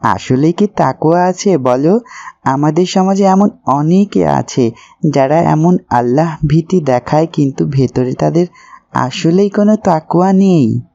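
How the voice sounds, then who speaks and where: In scripted Islamic cartoon dialogue, an actor voices a devout young character who teaches slowly in a mellow, mid-range, creaky voice. The delivery is earnest, instructive and preachy, with measured explanations, and the sound is slightly dull.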